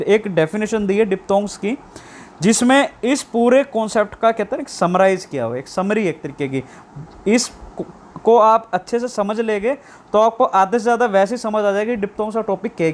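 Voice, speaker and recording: A man teaching shorthand online, explaining slowly and repeating key terms as questions. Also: high voice, lively intonation. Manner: drawn-out stress on English terms. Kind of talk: online lesson.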